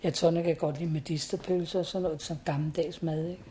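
A woman's voice: sits low, flat delivery, dark tone, a little hiss or hum. A woman in her sixties talking casually in an interview, chatty and always adding tag questions.

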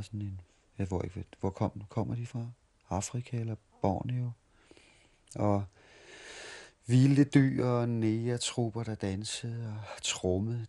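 Man in his 40s from Denmark, somewhat low voice, rambling anecdotal interviewee who stumbles and restarts. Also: darkish tone. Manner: halting, repeats and restarts words while reminiscing. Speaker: street performer interviewee. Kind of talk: storytelling interview.

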